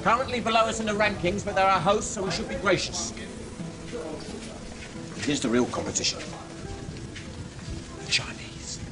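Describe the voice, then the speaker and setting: An actor with an English accent playing a brisk, teasing maths team leader who bosses his students around. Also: sits high, very animated, music in the background. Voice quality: hearty, teasing, bossy. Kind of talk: film dialogue. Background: film score.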